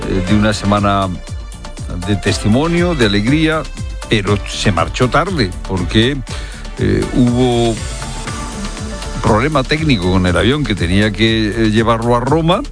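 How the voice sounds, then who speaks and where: A male radio presenter with an accent from Spain comments on the morning news. His voice is on the low side, and he phrases things deliberately, with hesitant pauses. Faint music runs behind him. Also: animated.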